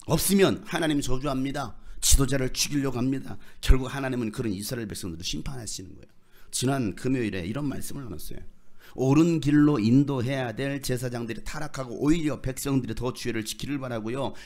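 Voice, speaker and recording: A man preaching a sermon as pastor of his church, colloquial and animated, firing rhetorical questions at the congregation and playfully acting out quotes and voices. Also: medium pitch. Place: church sanctuary.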